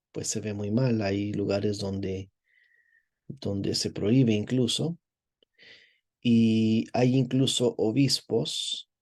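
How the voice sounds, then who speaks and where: Male priest, mid-pitched warm voice, rambling teaching tone. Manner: digressive, repeats words while searching for phrasing; explanatory, asks "verdad?" to check with listeners. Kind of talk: lecture, reading and commenting on a text.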